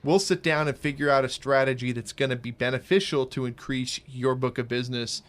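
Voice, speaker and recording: A male radio host in a studio, talking in a pushy, salesy, upbeat way. His voice sits at an ordinary pitch, and he likes to tease his guests. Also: brisk. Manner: energetic, salesy, joking. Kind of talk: casual radio talk. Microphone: studio mic.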